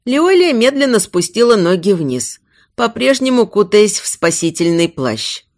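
A woman's voice: mid-range voice, measured pace. A woman narrating a novel expressively in scripted narration. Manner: expressive, acts out character voices. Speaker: audiobook narrator.

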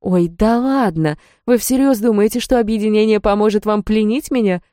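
A woman's voice: mid-range voice, moderate pace, mellow, no echo, clean studio sound, close to an everyday voice. A woman voicing a cold, scornful female archangel commander who talks in a mocking, condescending way, read as an audiobook character.

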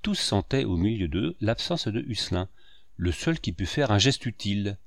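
A man narrating a novel in a steady, measured reading voice. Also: lowish voice, vocal fry, no room sound, studio quality. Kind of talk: audiobook narration.

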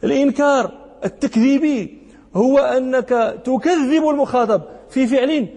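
A man, a sheikh, giving a classical religious lesson. He explains through rhetorical questions and short checks on his listeners, and drops lower and slower when quoting verses and poetry. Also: warm tone. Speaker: sheikh teaching hadith commentary. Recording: long hall reverb.

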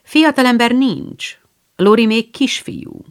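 A woman's voice: on the high side, expressive, pitched above the performer's own voice. Shy but playful teen girl, voiced lightly by a woman narrator; keep it composed. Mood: teasing. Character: proper teenage girl, shy yet teasing.

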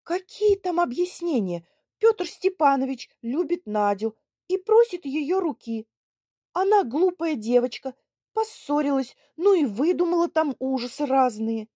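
A woman voicing a brisk, practical young woman who urges and scolds impatiently, for an audiobook. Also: fairly high pitch, sing-song, mellow, slightly rough, dry recording, studio quality, pitched above the performer's own voice. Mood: urging.

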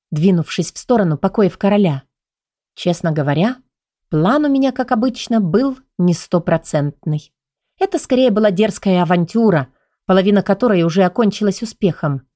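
A woman reads a first-person audiobook in a mid-pitched voice, with lively, playful storytelling. The recording is dry and close, with no room sound. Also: moderate pace, dry recording. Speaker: audiobook narrator.

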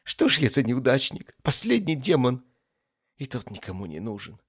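A man's voice: fairly high pitch, big pitch swings, normal speed, creaky, voice pushed up, heavily acted. A man voicing a small, whiny, cowardly young male demon who panics, pleads and whimpers. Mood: self-pitying.

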